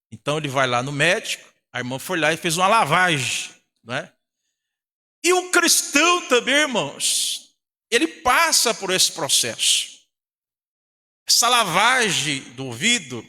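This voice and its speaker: A man's voice: high voice, sharp tone. A man with a Brazilian Portuguese accent preaching a sermon as a pastor, building in intensity and asking "não é?" and calling out to the brothers again and again. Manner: preaching with rising intensity, frequent "não é?" and "irmãos". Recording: long hall reverb.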